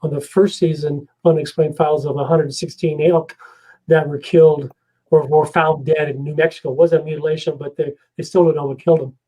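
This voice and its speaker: A man, a guest investigator, telling a story in a casual, animated way and acting out the scenes. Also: a little high, a little fast, rough recording.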